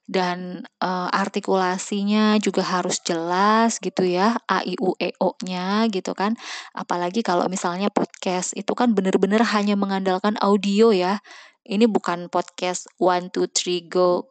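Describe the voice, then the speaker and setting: A woman's voice: medium pitch, darkish tone, dry recording. A young woman giving a casual, chatty lesson on public speaking, with frequent fillers and direct address to her listeners. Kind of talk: casual instructional talk.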